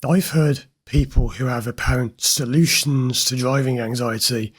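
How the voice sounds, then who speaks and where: A man with a husky, ordinary mid-pitched voice, slightly hoarse from recording many videos, speaks straight to his viewers. As a host and therapist commenting over a recorded session, he explains what he hears in a client's words, direct and a little amused.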